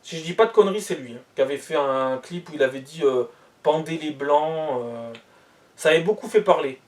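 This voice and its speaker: A man's voice: on the high side, expressive, fast talker, far from the mic. A man ranting bluntly and heatedly in a monologue, repeating himself as he reacts to the news.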